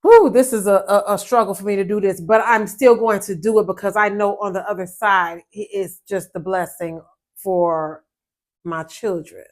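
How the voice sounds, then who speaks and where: Woman, podcast co-host, casual chat, mid pitch, affirming, teasing. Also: moderate pace. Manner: affirming listener, laughs easily, teasing.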